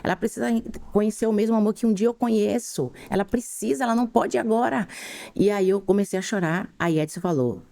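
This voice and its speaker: A middle-aged Brazilian woman telling her faith testimony as a podcast guest, in fervent, rushed storytelling. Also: mid-range voice, creaky, warm tone. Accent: Brazilian Portuguese.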